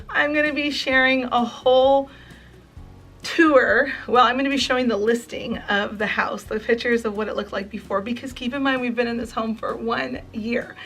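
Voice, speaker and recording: A woman's voice: fairly high pitch, a bit bright. A woman in her forties speaks earnestly to her viewers in a heartfelt home vlog, emotional and close to tears, full of thanks. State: near tears. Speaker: home and craft vlogger.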